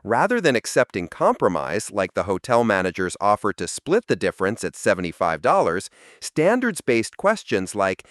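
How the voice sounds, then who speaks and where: A man reading a scripted explanation in an even, explanatory delivery. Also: on the low side, normal speed, few pauses, dry recording, clean studio sound. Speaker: narrator. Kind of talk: scripted narration.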